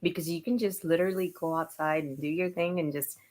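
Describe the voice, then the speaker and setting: Deep-voiced woman, relaxed storyteller. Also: fairly quick. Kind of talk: casual chat.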